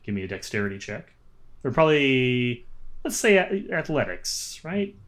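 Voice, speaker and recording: A man's voice: mid-range voice, very animated, moderate pace, a bit bright. A man narrating as game master of a tabletop game, thoughtful and hedging with many fillers.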